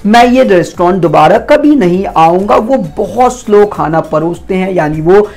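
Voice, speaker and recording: A woman teaching English idioms as a vocabulary lesson, reading each English example slowly and deliberately before explaining it. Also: mid-range voice, animated, a little mellow, soft background music.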